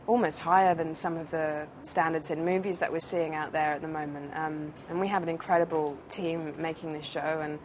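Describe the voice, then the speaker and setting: A woman's voice: low-pitched, fairly even intonation, a little fast, hardly any pauses, slight background noise. A British woman, an actress, chatting casually in an interview, rambling with many fillers and restarts. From United Kingdom.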